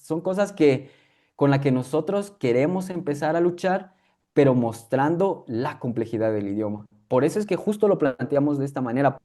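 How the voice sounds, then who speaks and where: Speaking Spanish with the accent of his native K'iche', a young Guatemalan interview guest answers reflectively and conversationally, with frequent fillers and false starts. His voice is warm and medium in pitch.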